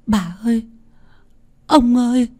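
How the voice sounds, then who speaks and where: A man's voice: very high-pitched, takes it slowly, darkish tone, voice pushed up. A man voicing a young female servant who cries out in panic and stammers. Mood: panicked.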